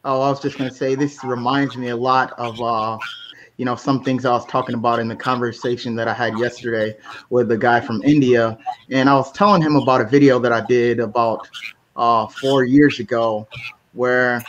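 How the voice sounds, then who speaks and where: A man from the United States hosting a podcast, explaining his thoughts in a relaxed, conversational way. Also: medium pitch, normal speed. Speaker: podcast host. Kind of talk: casual conversation. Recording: slightly muffled with faint hiss.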